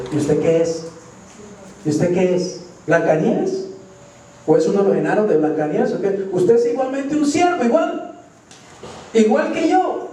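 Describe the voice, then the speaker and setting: A man's voice: sits high, mellow. A man preaching a sermon, emphatically asking the congregation questions and answering them himself. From Colombia. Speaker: pastor. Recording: echoey church hall from far off.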